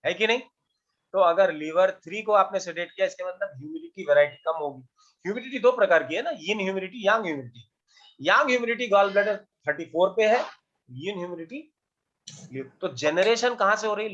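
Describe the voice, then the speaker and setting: A man's voice: high voice, a bit bright, highs cut off. Man teaching, quizzing his students. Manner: quizzing students with quick questions, mixing Hindi and English. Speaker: acupuncture teacher. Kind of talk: online class lecture.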